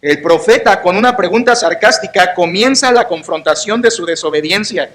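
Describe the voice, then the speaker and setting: A man's voice: high voice, moderate pace, fairly bright tone. A man preaching a sermon as pastor, emphatic and sarcastic, acting out the quotes, with a Mexican Spanish accent. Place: church.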